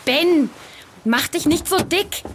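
A cheerful, teasing woman with a very high voice and a pitch that moves a lot. She co-hosts and acts in a scripted audio story, with a faint hiss of noise behind her. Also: lively intonation, slow pace. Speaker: podcast co-host.

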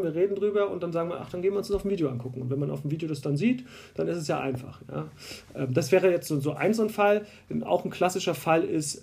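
A man's voice: on the high side, vocal fry, warm tone. A man from Berlin, a basketball referee, explaining rules at length in a casual conversation, with many fillers and restarts.

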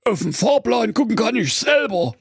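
A man playing a sarcastic, exasperated old father in a radio comedy fairy tale, with a husky voice. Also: high-pitched, very animated, normal speed, no room sound, studio quality, exaggerated voice. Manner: weary, gruff, sarcastic.

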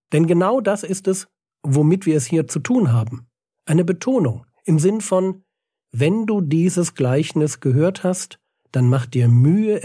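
A man's voice: a little high, warm tone, husky, dry recording, clean studio sound. Earnest German man teaching the Bible. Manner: earnest, emphatic, reads Bible passages aloud.

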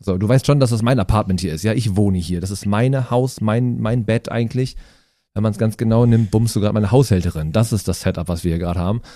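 An arrogant house cat with a low, dark voice scolds indignantly, as a man puts it on. It is dry and close, a stand-up comedy bit told in conversation. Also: fairly quick, no echo, natural voice.

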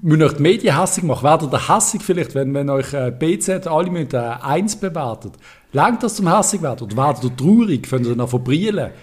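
A man's voice: fairly high pitch, lively intonation, fairly quick, darkish tone, breathy edge. A man with a Swiss German accent ranting heatedly about his football club, swearing as he co-hosts a podcast. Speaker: podcast co-host. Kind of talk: casual football chat.

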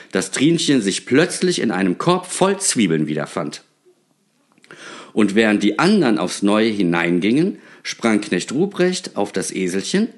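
A man reading a story aloud with expressive, theatrical delivery. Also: medium pitch. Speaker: narrator.

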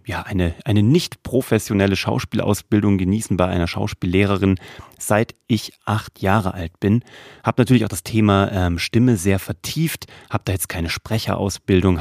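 A man in his thirties hosts a solo podcast and coaches his listeners on using their voice. His voice sits low, and the sound is close and dry, with no room around it. He talks in a lively, chatty way. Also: no echo. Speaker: podcast host.

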